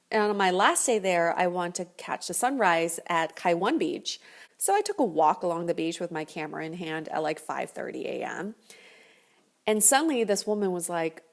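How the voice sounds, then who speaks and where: A woman video host telling a personal story to viewers in a casual, chatty way. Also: on the low side.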